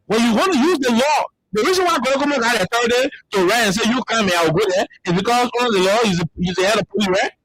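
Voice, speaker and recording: High-voiced impassioned Liberian man. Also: lively intonation, fast, hardly any pauses, fairly bright tone, slight background noise, low-quality recording. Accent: Liberian English. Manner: impassioned, repeats words when heated. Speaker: talk show host. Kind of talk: political panel commentary.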